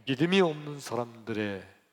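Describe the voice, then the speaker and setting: A male pastor preaching a sermon, telling a story dramatically, dropping to a hush and then rising to shouts. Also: mid-range voice, expressive, moderate pace. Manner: dramatic, swings from hushed to shouting. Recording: long church hall reverb.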